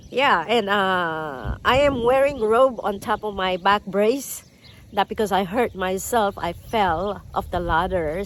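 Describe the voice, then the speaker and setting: Filipina woman with a Filipino accent, stuffy nasal voice while sick, halting outdoor vlog intro with faint noise behind. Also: lowish voice. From Philippines. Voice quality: nasal, congested. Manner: halting, many fillers and restarts. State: sick with a bad cold. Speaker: vlogger. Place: outdoors in a yard.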